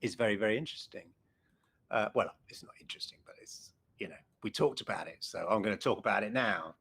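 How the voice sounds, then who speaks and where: A man's voice: on the low side, fast talker, fairly bright tone, slightly rough. Chatty middle-aged male gaming co-host. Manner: chatty, enthusiastic, rambling with restarts. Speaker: co-host of a retro gaming show. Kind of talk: casual chat.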